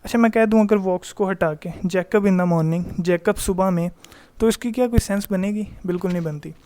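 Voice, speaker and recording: A man teaching a grammar lesson in a voice-over, explaining in Hindi mixed with English terms, reading the English examples slowly and answering his own questions in a chatty way. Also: sits high, mellow. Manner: reads English example sentences slowly and deliberately.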